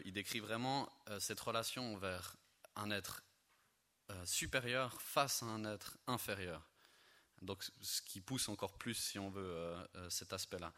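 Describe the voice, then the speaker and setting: A man with a low-pitched yet bright, forward voice leads an informal Bible study, stumbling through fillers and self-corrections. His talk is chatty and self-deprecating, stopping often to restart his sentences. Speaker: lay preacher introducing a Bible study theme.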